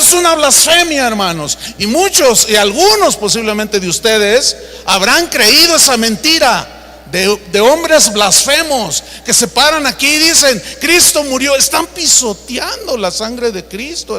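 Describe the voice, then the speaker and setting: Preacher, very high bright voice, emphatic storyteller, roomy hall reverb. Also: male voice. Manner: storytelling, emphatic, direct address to the congregation. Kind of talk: sermon.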